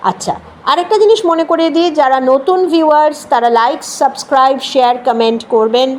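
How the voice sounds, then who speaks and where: A woman's voice: sits high, fast talker, darkish tone, slight background noise. A woman with a Bengali accent teaching an English word, patiently repeating each sound and mixing English into her Bengali. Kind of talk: explanatory lesson.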